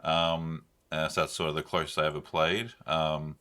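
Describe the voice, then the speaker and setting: Casual, unscripted film and game review chat comes from a young male podcast co-host who rambles and uses slang. He has a bass voice, level and pushed with brightness, at normal speed, with a little hiss or hum in the background.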